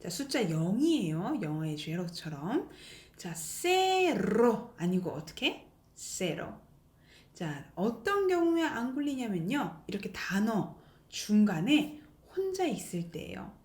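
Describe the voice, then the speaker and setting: A woman teaching an online language lesson, speaking slowly and clearly, repeating example words and encouraging her viewers. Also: mid-range voice, very animated, darkish tone. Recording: echoey room.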